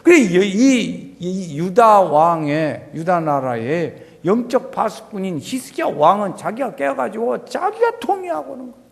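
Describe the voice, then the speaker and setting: A man preaching a sermon who quizzes the congregation and swings from shouts to hushed asides. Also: high-pitched, big pitch swings, unhurried, gravelly. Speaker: pastor. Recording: long hall reverb.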